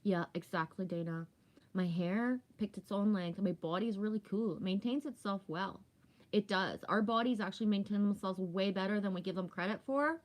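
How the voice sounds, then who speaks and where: With a mid-range, slightly mellow voice, this woman of about fifty chats loosely on a spiritual livestream she hosts. She's frank and emphatic, wanders from point to point, and tends to tack on a questioning check.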